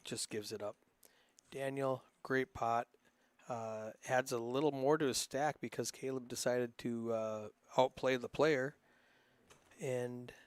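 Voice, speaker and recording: Chatty northern Minnesota poker commentator. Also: male voice, medium pitch, no echo. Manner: casual, chatty, rambling with frequent fillers. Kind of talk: live poker play-by-play commentary.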